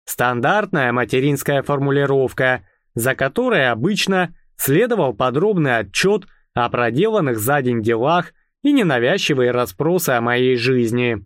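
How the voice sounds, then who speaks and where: A man narrating a first-person audiobook in a calm, even, wry storytelling manner. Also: medium pitch, moderate pace, hardly any pauses, no echo, clean studio sound.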